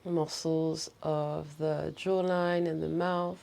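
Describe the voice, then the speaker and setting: Female breathwork guide: soft mellow tone, touch of vocal fry, unhurried soothing instructions, slight noise behind. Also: low voice, little pitch movement. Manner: soothing, unhurried guidance with short phrases.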